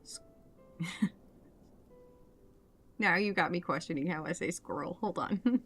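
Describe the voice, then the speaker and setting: A woman's voice: on the low side, takes it slowly, a bit bright, soft background music. A woman with a Southern US accent, reading game dialogue aloud and chatting playfully, giggling and swearing as she trips over words. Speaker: game streamer. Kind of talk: casual gameplay commentary and reading dialogue aloud.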